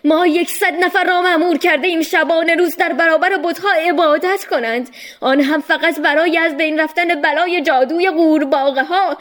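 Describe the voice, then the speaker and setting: A woman's voice: extremely high pitch, steady tone, a bit bright, pitched above the performer's own voice. A woman voicing an anxious royal servant who pleads in an agitated way.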